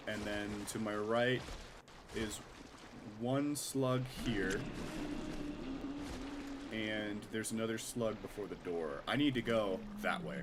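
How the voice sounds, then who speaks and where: Nasal and hoarse from a cold, a lowish-voiced man gives relaxed running commentary while streaming a game. He chats, pokes fun at himself, and swears occasionally.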